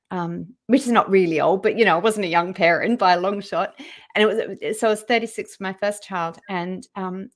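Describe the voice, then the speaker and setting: A woman in her forties, a guest recounting her career story in a conversational interview over a video call, jumping up high in pitch whenever she quotes someone. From Australia. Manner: animated, raises her voice high when quoting people.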